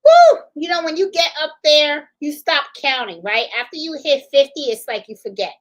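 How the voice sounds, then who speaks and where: A woman's voice: high voice, sing-song, moderate pace, poor audio. A woman in her fifties hosting a casual livestream, chatting in a rambling way, laughing easily and answering viewer comments. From Puerto Rico. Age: 50s. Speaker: livestream host.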